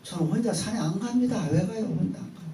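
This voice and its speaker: A man's voice: sits high, fast, over a noisy crowd. A male pastor preaching a sermon in a church sanctuary, telling a story and leading the congregation in call-and-response. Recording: echoey church hall from far off.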